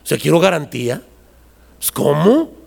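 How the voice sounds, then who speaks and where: A man preaching a sermon in a lively, storytelling way, acting out the voices of the people in his stories. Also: fairly high pitch, unhurried, creaky, slightly rough. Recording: long hall reverb.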